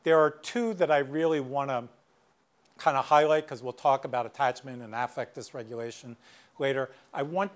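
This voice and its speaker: A middle-aged man leading a professional workshop, his voice sitting at an ordinary mid pitch. He talks loosely and conversationally, with frequent asides and stories from his practice. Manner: conversational, many asides and anecdotes. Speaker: guest speaker, clinician. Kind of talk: workshop lecture.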